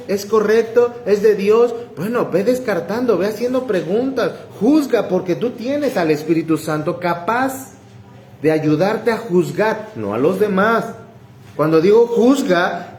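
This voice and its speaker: A man's voice: high-pitched, a little mellow, roomy sound, slight background noise, low-quality recording. A man pastor, preaching emphatically and talking straight to the congregation. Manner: emphatic, repetitive, addresses listeners as brother. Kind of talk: sermon. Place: church hall.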